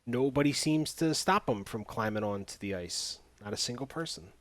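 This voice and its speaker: A man's voice: medium pitch, lively intonation, normal speed, dry recording. A man hosting a casual podcast, recapping a movie's plot with sarcastic asides. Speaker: podcast host. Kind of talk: casual movie review chat.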